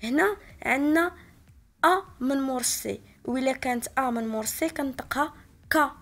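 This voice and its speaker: A woman teacher with a Moroccan Arabic accent, patiently explaining a French spelling lesson and spelling out each word slowly. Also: high-pitched, fairly bright tone, faint music behind. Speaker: primary school teacher.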